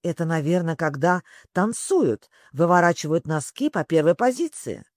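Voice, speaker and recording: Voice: mid-range voice, big pitch swings, normal speed, no room sound, clean studio sound, natural voice. A storybook reader voicing a timid, polite young girl who speaks hesitantly.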